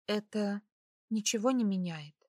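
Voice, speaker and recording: A woman playing a proud young woman in hiding who answers coolly and with sharp mockery, in an audiobook. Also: mid-range voice, a little slow, no room sound, clean studio sound, lightly acted. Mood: guarded. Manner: cool, then sharply mocking.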